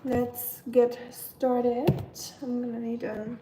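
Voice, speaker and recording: A young woman with a German accent hosts a livestream while cooking in her home kitchen, chatting casually, rambling, reading chat aloud and saying um a lot. Her voice is fairly high and slow with little pitch movement. The recording is very noisy, picked up by a distant mic amid the clatter of dishes, pots and pans.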